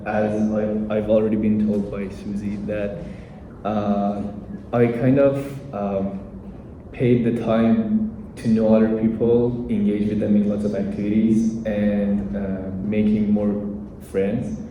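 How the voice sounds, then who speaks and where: A young man gives an earnest, halting talk at an event. His voice is dark, fairly low and flat. He is heard from a distance in a very echoey room. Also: slight background noise. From Iran. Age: young adult. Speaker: international student speaker. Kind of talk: short speech at an event. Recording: very echoey room, mic far off.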